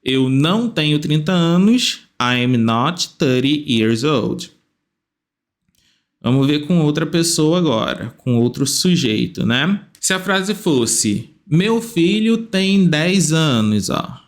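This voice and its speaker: In this slow grammar lesson, a male English teacher speaks in a slightly high voice, drawing out his words with patience. Every phrase gets repeated slowly, and his questions rise with liveliness.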